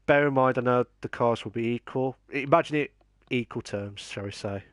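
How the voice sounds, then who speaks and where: Casual male sports interviewer, English Midlands accent, chatty, informal, mid-pitched. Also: moderate pace, no echo, clean studio sound. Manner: chatty, repeats phrases, informal. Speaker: post-race interviewer.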